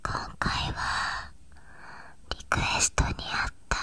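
Young woman, ASMR host. Breathy, airy whisper with crisp bright edge, unhurried and soothing, right at the ear. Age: young adult. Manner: gentle, slow, reassuring close-up murmuring. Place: small bedroom, lying on a bed. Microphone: binaural ear microphone, held right at the mouth.

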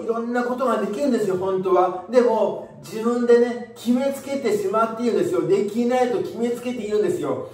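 A man hosting a motivational talk, speaking energetically and emphatically, with a lot of repetition. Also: very high-pitched. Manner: energetic, emphatic, repeats phrases. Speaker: motivational video host. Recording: echoey room, distant from the mic.

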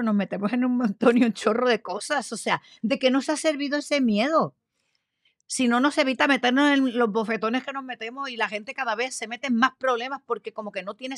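Host type, woman storyteller, animated and expressive, bit of a cough, dry close sound. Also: fairly high pitch, no echo. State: slight allergic cough. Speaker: podcast host. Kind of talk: conversational storytelling.

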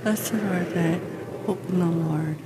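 Slow, solemn woman reading in a church. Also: on the low side, background noise. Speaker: lector. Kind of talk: liturgical scripture reading. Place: large church sanctuary. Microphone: lectern microphone from a far camera. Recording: long church reverb.

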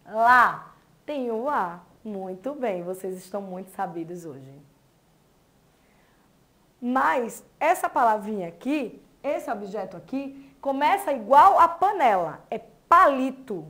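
Slow, patient woman teaching young children. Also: fairly high pitch, sing-song, a bit bright. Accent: Brazilian Portuguese. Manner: slow, syllable-by-syllable sounding out with praise. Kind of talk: early literacy lesson for young children.

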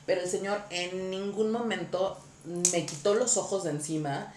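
A woman hosting a podcast, telling a story in a lively, casual way with frequent laughter. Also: on the low side, normal speed, echoey room, a little hiss or hum. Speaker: podcast host.

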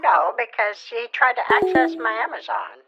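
A woman's voice: a little high, animated, normal speed, a crowd in the background. A woman scambaiter on a prank phone call, persistently asking pointed questions.

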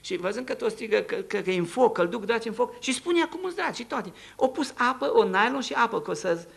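A man preaching a testimony sermon in a church, telling his story with animated swings between hushed tones and shouts. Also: extremely high pitch, gravelly, breathy edge.

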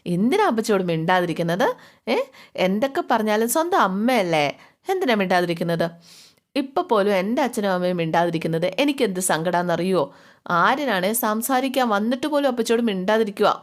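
A woman's voice: mid-range voice, lively intonation, a little fast, lightly acted. Young woman voiced by a woman, earnest, eager, persistent.

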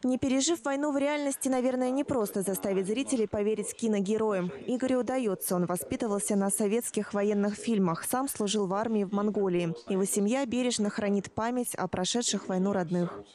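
A woman's voice: mid-range voice, a little fast, few pauses, warm tone. A woman reading scripted narration as a television news reporter.

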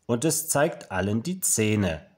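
A man's voice: on the low side, big pitch swings, takes it slowly. A man voicing a timid small boy in a children's storybook, speaking in a raised boyish voice. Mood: earnest. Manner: raised boyish voice, shy then shouting. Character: timid small boy who grows brave.

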